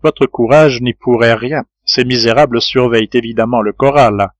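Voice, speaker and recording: A man voicing a loyal, level-headed reporter in an audiobook, speaking earnestly and in a measured way. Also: medium pitch, steady tone, no room sound, dull audio, close to an everyday voice.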